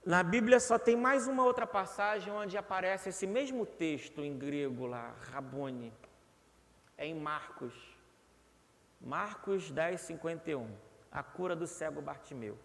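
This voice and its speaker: A man's voice: a little high, animated, a little slow, creaky, a bit bright. A young Brazilian man preaching a sermon in a church, earnest and repeating words for emphasis. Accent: Brazilian Portuguese. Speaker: pastor. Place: church hall. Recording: long reverb of a church hall.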